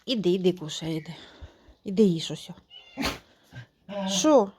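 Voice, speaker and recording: A woman's voice: lowish voice, expressive, measured pace, crowd noise. A woman in a casual vlog, cooing and baby-talking to her cats outdoors while filming on a handheld phone. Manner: coos and baby-talks to cats. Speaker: vlogger. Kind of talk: casual vlog feeding pets.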